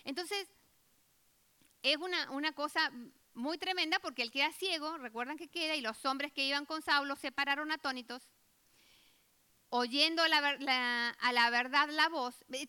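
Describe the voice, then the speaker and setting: A woman teaching scripture in an animated, emphatic sermon. Her voice sits high and rings bright. She jumps into the voices of the people she quotes. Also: moderate pace. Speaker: Bible teacher.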